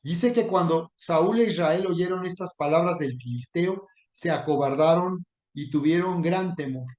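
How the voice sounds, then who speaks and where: Man, preacher and coach, emphatic direct delivery, high voice, roomy echo. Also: unhurried, a little mellow. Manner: emphatic, addresses listener directly. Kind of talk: sermon with scripture reading.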